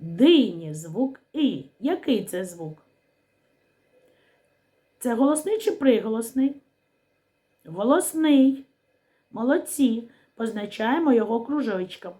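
A woman teaching a literacy lesson to young children, speaking slowly and articulating each sound clearly, asking questions and pausing for answers. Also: a little high, expressive, dark tone. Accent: Ukrainian. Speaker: primary school teacher.

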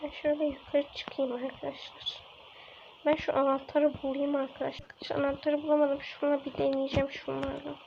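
A woman's voice: high voice, completely flat delivery, a little fast. A woman giving casual let's-play commentary to her viewers, often dropping to a whisper while she sneaks around. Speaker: gaming channel host. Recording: lo-fi with clear background noise.

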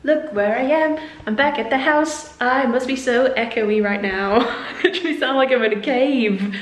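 A woman's voice: a little high, moderate pace. A young woman from northern England chatting casually to camera in a self-mocking way, her voice echoing like in a cave in an empty house. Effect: cave-like echo of an empty house. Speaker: vlogger. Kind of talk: casual vlog chat. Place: empty house, bare rooms indoors. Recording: echoey empty room, faint noise.

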